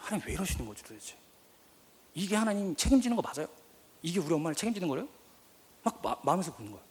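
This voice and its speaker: Guy youth pastor preaching fast, voice all over the place, emotional testimony, long church reverb. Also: on the high side. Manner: emotional, animated storytelling, rising to near-shouts. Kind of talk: sermon with personal testimony. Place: church sanctuary.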